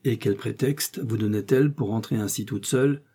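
A man's voice: fairly low pitch, moderate pace, warm tone, husky. A man voicing a cold, powerful cardinal who questions people in a probing, commanding way.

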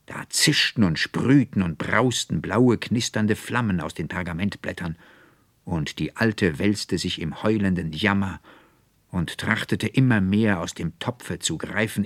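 A man reading a fairy tale aloud as a measured, theatrical audiobook narrator. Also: sits low, no echo. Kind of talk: dramatic literary reading.

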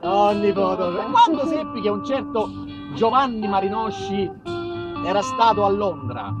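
Speaking in a high, expressive voice at an unhurried pace, this southern Italian actor and storyteller performs a colloquial autobiographical monologue with dramatic shifts of delivery, his accent clearly from the south of Italy. Loud music plays behind him in a dull, lo-fi stage recording taken far from the mic.

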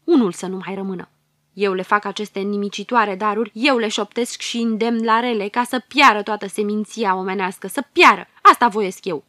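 A woman voicing an evil, hateful old hunchbacked witch with a shrill, hissing voice and a ranting, cackling, venomous manner. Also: steady tone, pushed and bright, dry recording, clean studio sound, natural voice. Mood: furious.

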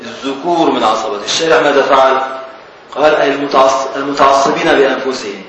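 A man's voice: medium pitch, fast talker, fairly bright tone. Egyptian male teacher, questioning style, distant mic in a reverberant lecture room. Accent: Egyptian Arabic. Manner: questions and teases students while explaining. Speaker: teacher of Islamic law texts. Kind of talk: classroom text commentary. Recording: very echoey, distant from the mic, faint hiss.

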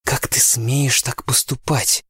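A man's voice: normal speed, a little mellow, no echo, studio quality, natural voice. A man reading an audiobook, voicing an indignant teenage girl who accuses her friend. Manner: shrill accusing outburst.

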